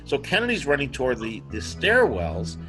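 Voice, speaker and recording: Guy telling a story with lots of energy over a video call, soft music in the back. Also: medium pitch, normal speed, rough recording. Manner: animated storyteller, acts out quotes. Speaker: guest author. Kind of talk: conversational storytelling.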